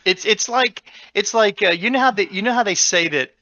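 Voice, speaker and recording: Bright-voiced man in rambling chat. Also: sits high, brisk, no room sound, lo-fi sound. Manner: rambling, many restarts, animated when explaining. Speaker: podcast co-host. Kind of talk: casual chat.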